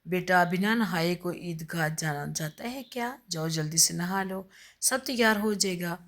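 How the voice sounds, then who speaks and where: A woman voicing a gentle, devout young mother who speaks softly and coaxingly. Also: lowish voice, close to an everyday voice. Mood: tender. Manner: soft, pleading, coaxing.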